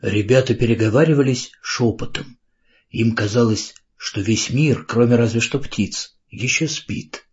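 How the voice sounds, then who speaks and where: A man narrating an audiobook in a calm, even storytelling manner, on a dull lo-fi recording. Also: medium pitch, measured pace.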